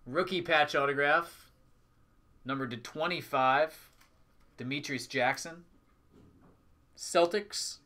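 A man's voice: a little high, slow pace, pauses often, bright, forceful tone. A man hosting a live trading card break, calling out items in short, clipped announcing phrases. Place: indoors at a tabletop with a display backdrop.

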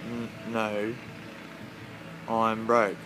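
A man's voice: on the low side, monotone, drawn-out words, noisy background. A man voicing a blunt, dismissive street tough in a silly comic redub, speaking curtly. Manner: curt, blunt. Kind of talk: silly mismatched comic redub of distant people.

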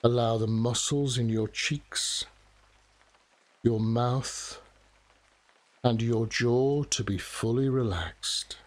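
A man narrating a guided relaxation meditation in a soft, soothing, measured manner with long pauses. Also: mid-range voice. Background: steady rain.

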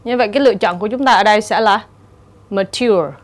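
A woman teacher with a Vietnamese accent, explaining exam answers step by step and reading English example words slowly. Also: medium pitch. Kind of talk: exam-prep lecture.

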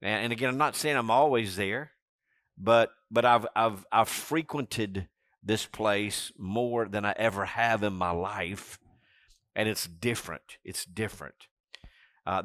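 A man in his fifties preaches from a church stage in an easy, chatty manner, often checking in with his listeners. His voice sits at an ordinary pitch and is picked up dry and close on a headset mic. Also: fairly bright tone, dry recording. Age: 50s. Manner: conversational preaching with frequent "right?" and "amen", gesturing while seated. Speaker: pastor. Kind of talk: sermon. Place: church stage, seated on a stool.

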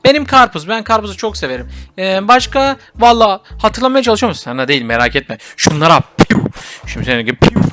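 A man's voice: high voice, big pitch swings, fairly quick, sharp tone. A young man commenting playfully on a VR game, teasing the characters he plays with and chatting to his viewers. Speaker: gaming YouTuber.

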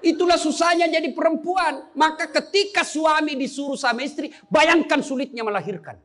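This preacher's voice is extremely high and fairly bright, delivered at a moderate pace. He gives a funny sermon before a live crowd, cracking jokes, keeping things chatty, and testing listeners with questions.

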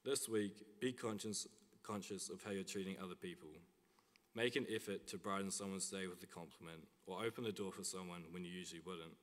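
A man's voice: low voice, steady tone, brisk. A young male student giving an earnest prepared address from a lectern in a school chapel, reading from notes with small restarts. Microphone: lectern mic. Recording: long hall reverb.

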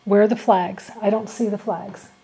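A woman's voice: medium pitch, fairly even intonation, moderate pace, warm tone, poor audio. A woman working as a paranormal investigator, politely putting short, simple questions to spirits. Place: indoor classroom at night.

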